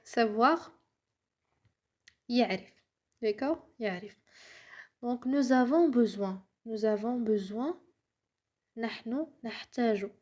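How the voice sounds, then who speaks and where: A woman's voice: fairly high pitch, darkish tone. A woman teaching French in a casual lesson, switching to Arabic to explain. She is patient and encouraging, often checks that the listener follows, and sometimes whispers to model pronunciation.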